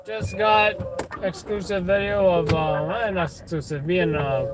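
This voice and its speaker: A man's voice: sits high, fairly even intonation, a little slow. A man livestreaming from the street gives informal, meandering, casual commentary to his viewers. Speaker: livestreamer filming street incidents. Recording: outdoor recording with clear background noise.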